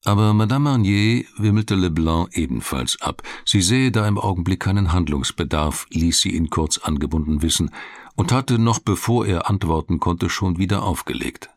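A man narrating a crime audiobook in a calm, even storytelling manner, close to the mic. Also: deep voice, moderate pace, no room sound.

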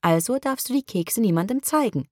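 A woman's voice: on the high side, lively intonation, fairly quick, dry recording, studio quality, pitched above the performer's own voice. A woman doing a cheerful young blonde baker. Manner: bright, eager, friendly.

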